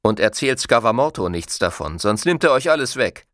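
A man's voice: lowish voice, very animated, moderate pace, a bit bright, no echo, clean studio sound. A man reading a story aloud, voicing a scrawny young male swindler who snaps orders harshly. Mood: harsh, commanding. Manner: harsh, snapping.

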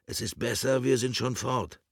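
A man voicing a gruff scarred man who leads a group of boys, talking low and curt. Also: moderate pace, no echo, clean studio sound. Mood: hushed. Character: gruff scarred man, leader of the child transport.

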